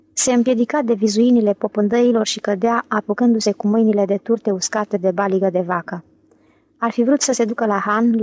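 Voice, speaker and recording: A woman narrating an audiobook in a steady, even reading. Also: mid-range voice, no echo. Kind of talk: scripted narration.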